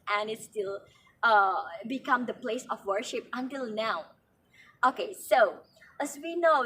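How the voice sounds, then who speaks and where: Young female tour guide, Indonesian accent, higher voice, halting delivery, recorded at a distance with some faint noise. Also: a bit bright. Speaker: tour guide in a student role play.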